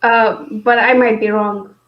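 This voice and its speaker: A woman co-hosting a live book discussion stream chats casually and unscripted from indoors, informal and hesitant with a wry, self-deprecating streak. Her voice is on the high side, with little pitch movement and a slightly slow pace. The audio is dull, lo-fi online call quality.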